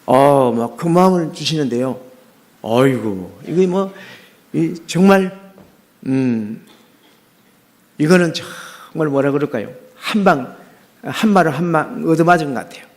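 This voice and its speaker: A man's voice: a little high, expressive, unhurried, pauses often. A middle-aged man, a pastor, preaching a sermon as personal testimony, talking earnestly with many fillers and restarts.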